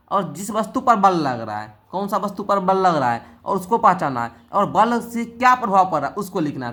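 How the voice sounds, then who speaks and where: A male teacher with a somewhat high voice explains a school science lesson. He reads each question out, then talks it through in a coaxing way, checking on his pupils again and again. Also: a bit bright. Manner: coaxing, keeps asking the pupils "theek hai?". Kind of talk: classroom-style exam answer lesson.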